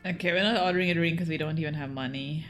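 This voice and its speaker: A woman's voice: low voice, fairly even intonation, racing, fairly bright tone, faint music behind. A woman giving casual, sweary game commentary as a streamer, rambling and giggly.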